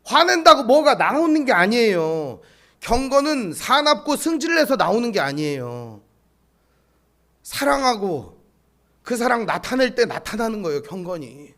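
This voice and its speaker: High, lively-voiced male pastor preaching. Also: measured pace. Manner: animated storytelling with rhetorical questions. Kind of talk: sermon with storytelling.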